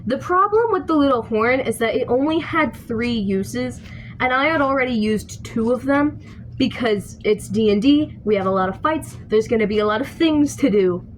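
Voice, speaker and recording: A woman's voice: on the high side, animated, moderate pace. A young woman vlogging in a casual, rambling storytelling style, spacey and scattered, as she talks while washing dishes. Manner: spacey, scattered, self-interrupting. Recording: noisy room with dish-washing sounds. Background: scuffling and clatter of dishes.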